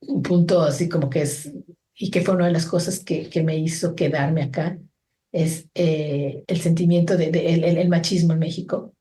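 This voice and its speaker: A middle-aged Mexican woman with a mellow, fairly low voice and a Mexican Spanish accent. She speaks as a reflective interview guest, often restarting and adding fillers while she finds her words. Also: steady tone, normal speed. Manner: thoughtful, many restarts and fillers. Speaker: guest, organization founder.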